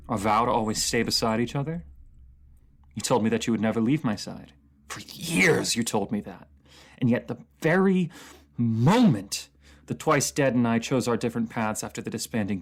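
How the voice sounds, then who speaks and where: A voice actor voices a bitter, wounded fantasy ruler in an emotional dramatic monologue, speaking haltingly to a single listener. The voice sits in the mid range and the acting is light.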